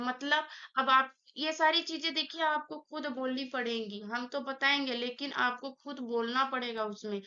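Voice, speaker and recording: High bright woman drilling sounds slowly. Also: lo-fi sound. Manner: drills sounds aloud one by one, explains step by step. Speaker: teacher. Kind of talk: online grammar lesson.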